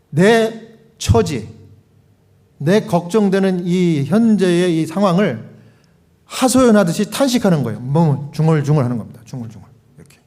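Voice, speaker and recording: A man with a notably high voice delivers a sermon as pastor. He teaches by posing questions to his listeners and slips into plaintive little prayers to make his point. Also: a little mellow. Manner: explains with questions to the congregation, acts out prayers.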